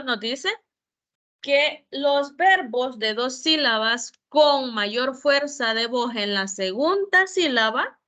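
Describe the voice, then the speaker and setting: A woman with a high, bright voice teaches an online grammar class. She takes her time and talks at an unhurried pace. She sets out each rule patiently and backs it with one example after another. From El Salvador. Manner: patient, explains step by step with examples. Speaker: English tutor.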